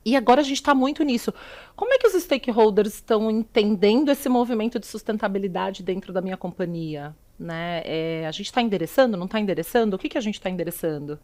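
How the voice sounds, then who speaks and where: A woman's voice: medium pitch, lively intonation, quick pace, a little mellow. A middle-aged woman with a Brazilian Portuguese accent, a sustainability executive explaining her views as a guest in a videocast interview, posing rhetorical questions as she goes.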